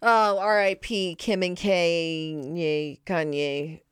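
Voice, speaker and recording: A woman with a smooth, clear voice, slightly low in pitch, recorded dry and close in a studio. She chats casually as a podcast co-host, slangy and quick to agree. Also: steady tone, no echo. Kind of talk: casual chat.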